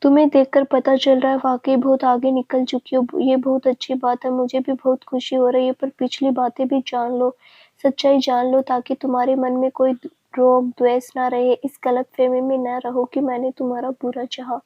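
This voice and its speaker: A woman reading the lines of a pleading, urgent young woman, a childhood friend, in a family story, with a husky voice. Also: high voice, monotone, normal speed, no room sound. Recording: dry, dull lo-fi sound.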